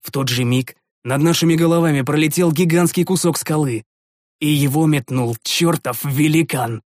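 A man's voice: fairly high pitch, normal speed, a little mellow, no echo. A man narrating a fantasy audiobook in the first person, tense and dramatic, recorded on a studio microphone.

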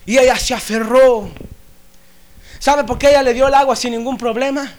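A man preaching a sermon, moving from hushed storytelling to loud shouted preaching and repeating phrases for emphasis. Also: very high voice, fairly even intonation, moderate pace.

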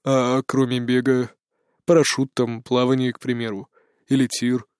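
A man reading an audiobook, voicing a stern male investigator who asks slow, pressing questions. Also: mid-range voice, level tone, darkish tone, smooth, no echo, clean studio sound, voice pushed down, natural voice. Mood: probing.

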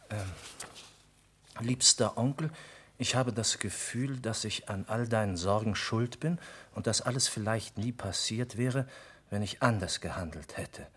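An actor playing a polite gentleman doctor and detective's companion in a German radio drama, courteous and a little hesitant. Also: fairly low pitch, unhurried, breathy edge, heavily acted. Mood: hesitant, careful reading.

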